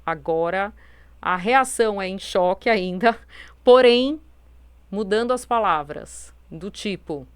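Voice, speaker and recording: A woman's voice: medium pitch, animated, slow pace, clear, resonant tone, no echo. A woman hosting a self-help video, talking casually with many fillers and a naturally firm tone. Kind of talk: casual advice monologue.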